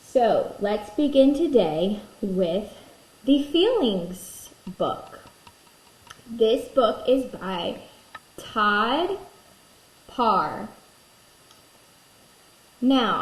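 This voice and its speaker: A woman's voice: medium pitch, lively intonation, drawn-out words, long pauses. A woman teacher reading a picture book aloud as if to a toddler, in simple words with questions to the little listeners. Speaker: kindergarten teacher. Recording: echoey room, faint background noise.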